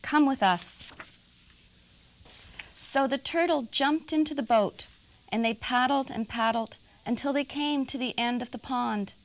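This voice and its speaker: A woman librarian reading a children's story aloud in a gentle, even way. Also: high-pitched, moderate pace, rough recording.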